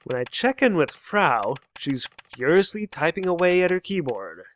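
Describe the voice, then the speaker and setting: A man's voice: a little high, sing-song, moderate pace, a bit bright, soft background music. A young man casually commenting on a game as he plays, musing aloud, reading lines of dialogue and chuckling often. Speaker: let's play host.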